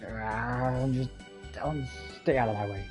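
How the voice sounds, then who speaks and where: A man's voice: mid-range voice, takes it slowly, over music, lightly acted. A man voicing a grumpy older male airship builder who talks curtly and dismissively. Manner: curt, dismissive.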